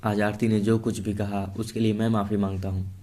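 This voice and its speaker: A man playing a polite, apologetic older father with a quiet, humble manner. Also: fairly low pitch, level tone, brisk, lightly acted.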